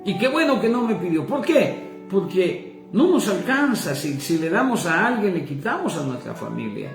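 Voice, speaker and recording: A man's voice: sits high, sing-song, normal speed, vocal fry. A man with a Mexican accent preaching a sermon as pastor, impassioned and calling listeners brother. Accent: Mexican Spanish. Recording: echoey room with faint guitar music.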